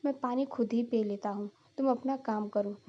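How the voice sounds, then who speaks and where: A woman's voice: fairly high pitch, fairly even intonation, moderate pace, highs cut off, natural voice. A woman voicing a kindly, fatherly older father-in-law in a cartoon story. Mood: gentle. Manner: gentle, fatherly.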